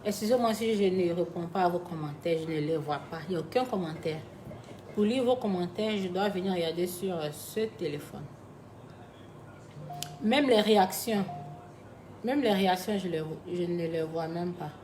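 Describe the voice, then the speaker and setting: Her voice fairly low, dark and quick, a woman chats on her phone livestream with soft music playing behind her. She calls her followers her babies and becomes reflective and sombre when discussing loss.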